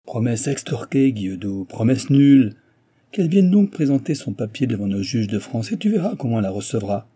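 A man's voice: medium pitch, very animated, a little fast, dark tone, slightly rough. A man voicing a proud, indignant old French marquis in an audiobook, declaiming vehemently.

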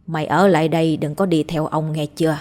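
A woman voicing a gruff old grandfather, a grave digger who scolds and curses coarsely. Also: sits low, fairly even intonation, fairly quick, darkish tone, soft background music, natural voice.

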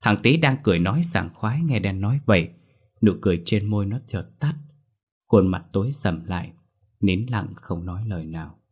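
A man narrating a scripted horror story in a measured storytelling manner. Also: fairly low pitch, animated, darkish tone, husky.

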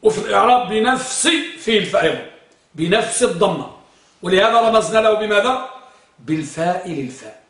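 A man's voice: sits high, expressive, brisk, fairly bright tone. A man teaching a grammar class, quizzing his students and repeating their answers. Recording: echoey room, far from the mic.

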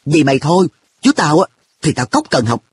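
Man voicing a cheeky happy-go-lucky kid, pitched up and bouncy, breathy husky tone. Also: sing-song, fairly quick, slight background noise. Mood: offhand. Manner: offhand, blunt boyish talk. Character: boy An, carefree, teasing, money-minded.

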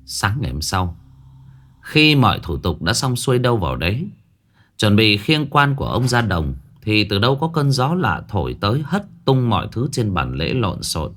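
A man narrating a scripted ghost story in a dramatic storytelling manner, dropping his voice low for the eerie parts. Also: normal speed. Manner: dramatic, lively storytelling with sudden hushed drops.

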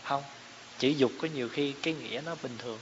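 A man's voice: mid-range voice, quick pace. Man, Buddhist teacher, dharma talk, rhetorical questions, dull lo-fi recording, faint hiss. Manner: explains terms, poses rhetorical questions to listeners. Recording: echoey hall, dull lo-fi sound, faint hiss.

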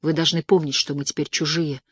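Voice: mid-range voice, flat delivery, a little fast, a bit bright, husky, no echo. An audiobook reader voicing a proud, resolute young woman farm worker who speaks firmly and with restraint. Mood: restrained. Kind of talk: audiobook reading.

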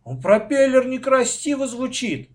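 A man's voice: high voice, big pitch swings, slow, pitched above the performer's own voice, heavily acted. Man doing an arguing young boy. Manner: argumentative.

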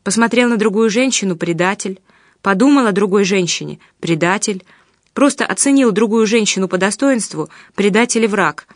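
A woman's voice: mid-range voice, normal speed, no room sound, natural voice. An embittered man rants with heated, accusing emphasis, read by a woman in an audiobook. The sound is dry and close, with no room around it. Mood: bitter. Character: bitter, resentful man ranting about his lover. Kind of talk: audiobook reading.

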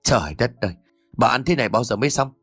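Shrill cruel daughter-in-law, as a man puts her on. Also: animated, a bit bright, breathy edge, dry recording, studio quality, soft background music. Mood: berating. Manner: harsh, scolding, fast. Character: cruel shrieking middle-aged daughter-in-law, woman.

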